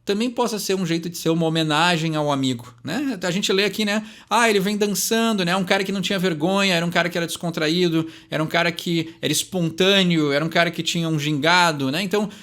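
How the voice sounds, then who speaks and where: This channel host is a young man from Brazil whose voice sits high and a bit bright, with a Brazilian Portuguese accent. He chats casually through song lyrics, tacking "né?" onto sentences and using it to fill pauses, while reading English lines slowly.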